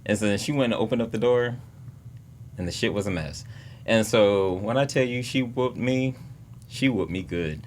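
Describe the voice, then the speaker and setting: A man's voice: on the low side, moderate pace, a little hiss or hum. A man co-hosting a podcast, telling a childhood story in casual chat and laughing often. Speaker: podcast co-host.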